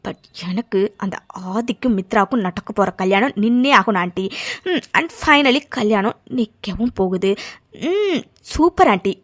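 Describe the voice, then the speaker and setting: A woman's voice: mid-range voice, animated, a little slow, voice pushed down. A woman voicing a spoiled, scheming young woman who gloats and mocks. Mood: gloating. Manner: gloating, mocking.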